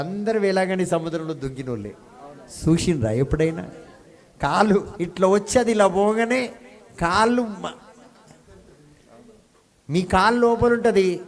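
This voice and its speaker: A man preaching a sermon with call-and-response to his congregation, often climbing into stretched, emphatic phrases on a handheld mic. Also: a little high. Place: healing service hall. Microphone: handheld microphone.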